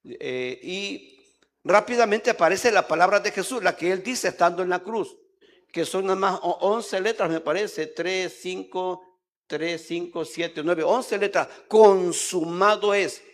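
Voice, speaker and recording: A man's voice: high-pitched, a little slow. A man with a Mexican Spanish accent preaching a sermon as pastor, in a conversational way that stops to repeat and count words.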